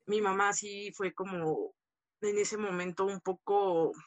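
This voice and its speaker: A woman's voice: mid-range voice, fairly even intonation, takes it slowly, no room sound, lo-fi sound. A woman, a guest recounting a personal story in candid, filler-heavy talk. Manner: candid, full of fillers and tag questions. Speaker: interview guest.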